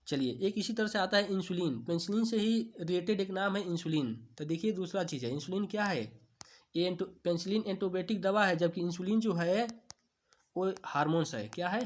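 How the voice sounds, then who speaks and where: A man with a somewhat high voice runs through exam questions like a coaching teacher. He asks each answer back as a question, then repeats it, drawing key terms out slowly. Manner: slow, drawn-out stresses on key terms. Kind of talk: quiz-answer lesson.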